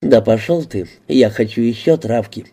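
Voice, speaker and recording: A man reading an audiobook, voicing a blunt, quick-tempered woman who swears and used to be a call girl. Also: mid-range voice, mellow, husky. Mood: angry.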